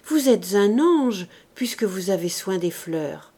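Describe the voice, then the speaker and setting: A woman's voice: medium pitch, expressive, takes it slowly, dark tone, husky. A woman reading the lines of a poor, timid old gardener in a storybook reading, hesitant and wondering. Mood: gentle.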